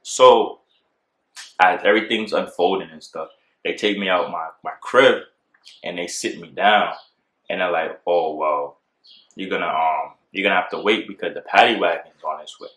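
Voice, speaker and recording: A man's voice: low-pitched, moderate pace, fairly bright tone. A young man telling a rambling storytime in casual slang, full of "like" and "bro". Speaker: vlogger. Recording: echoey room.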